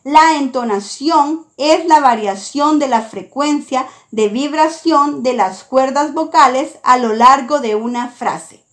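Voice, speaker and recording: Woman, teacher, high voice, very slow pace, scripted lesson, careful term by term. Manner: slow, deliberate, reads each term out clearly.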